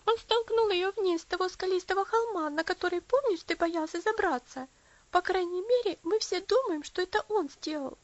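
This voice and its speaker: Woman doing a shrill sobbing little girl. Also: normal speed, hardly any pauses, dry recording. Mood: upset. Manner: shrill, tearful, loud. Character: sobbing excitable young girl. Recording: dull lo-fi audio.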